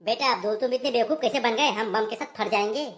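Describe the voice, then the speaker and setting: A woman's voice: fairly high pitch, fast, close to an everyday voice. A woman doing a bossy 60-year-old schemer uncle. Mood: scheming. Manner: bossy, lecturing. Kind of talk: cartoon comedy voicing.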